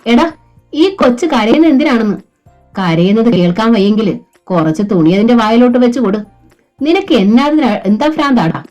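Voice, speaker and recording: A woman's voice: mid-range voice, moderate pace, darkish tone, soft background music, natural voice. A woman voicing a harsh, blunt older mother-in-law who scolds her son. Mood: scolding.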